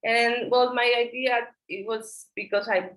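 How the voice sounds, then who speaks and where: A woman co-founding a local project, speaking haltingly on a video call, restarting and searching for words. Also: a little high, fairly even intonation, a bit bright, poor audio. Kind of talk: online meeting remarks.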